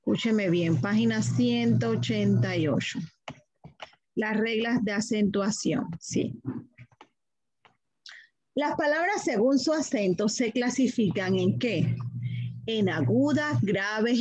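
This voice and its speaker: A fairly high-pitched woman teaching a lesson in a dry, close-sounding setting. She is middle-aged and explains step by step. She poses questions to the class and then answers them herself. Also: darkish tone, husky, dry recording, low-quality recording.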